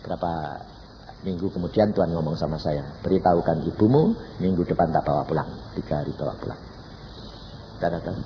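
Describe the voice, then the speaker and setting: Older male evangelist with a Javanese accent, testimony sermon, pitch swinging widely as he acts out each person's lines; dull, lo-fi church recording. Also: animated, brisk. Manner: storytelling, acting out dialogue in shifting voices, addresses listeners as "saudara". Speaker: evangelist preacher. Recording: long hall reverb, dull lo-fi, faint noise.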